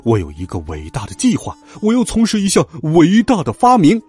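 A man's voice: high voice, huge pitch swings, brisk, mellow, breathy edge, no room sound, faint music behind, full character voice. A man voicing a shrunken, pocket-sized father in a children's storybook reading, speaking smugly and boastfully. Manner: smug, boastful. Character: tiny grown-up dad in a pocket, grandiose.

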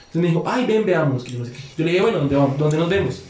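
Fast-talking young man, echoey room. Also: on the high side, expressive, darkish tone, a little hiss or hum. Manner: fast, slangy and profane, acting out both sides of a quarrel. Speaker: podcast guest. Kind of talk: casual storytelling among friends.

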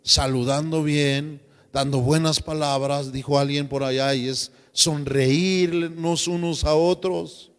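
A man preaching a sermon as pastor, lively and joking, slipping into slang voices. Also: fairly high pitch, slow, clear, resonant tone, in a large hall. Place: church.

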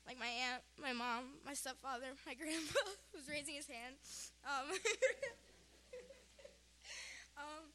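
A young woman shares her story before her baptism, casual and emotional, with frequent giggles. Her voice is high and bright. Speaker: baptism candidate giving testimony. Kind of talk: personal testimony.

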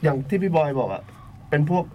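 Quick, joking radio co-host, slightly high. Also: male voice, lively intonation, far from the mic, dull audio, slight background noise. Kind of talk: casual studio chat.

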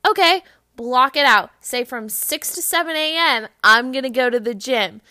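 A young woman hosts her own show and talks through motivational tips in a loose, chatty way, leaning on "like" as she goes. Her voice sits a little high and sounds bright and sharp. The recording is dry and close. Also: animated, moderate pace, dry recording. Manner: chatty, fills talk with "like". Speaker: podcast host. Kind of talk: casual motivational talk.

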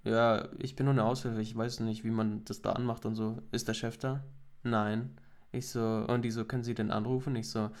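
A man's voice: lowish voice, flat delivery, moderate pace. A young man in casual chat, telling anecdotes in slangy speech full of swearing. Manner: slangy, storytelling, swears with "Alter".

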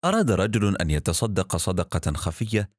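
A man narrating religious stories in a measured, even storytelling delivery. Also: low voice, no echo, studio quality.

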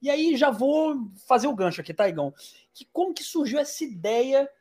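A podcast host in casual chat, relaxed and swearing casually while interviewing a guest. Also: sits high, fairly quick.

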